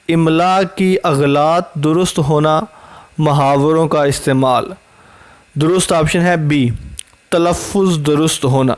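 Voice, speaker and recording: Measured Pakistani male quiz lecturer. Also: fairly high pitch. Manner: measured, reads each option then repeats the answer. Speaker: teacher. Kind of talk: exam-prep lecture reading quiz questions.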